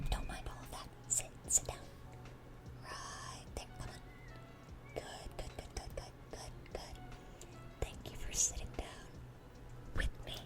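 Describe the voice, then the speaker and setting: A woman voices a dorky, affectionate young demon girl in a whispered ASMR roleplay, her delivery natural. She rambles and repeats herself eagerly, sounding keen and fussing.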